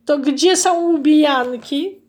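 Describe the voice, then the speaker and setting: A woman doing a high, fussy storybook goose. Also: big pitch swings, mellow. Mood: resigned. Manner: wailing, high-strung, quick to lament. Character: fussy dramatic female goose on holiday.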